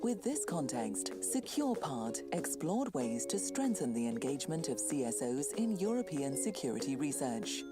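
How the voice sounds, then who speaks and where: A woman narrates a scripted explainer in a low voice with lively intonation. Prominent music plays underneath her. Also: normal speed, hardly any pauses.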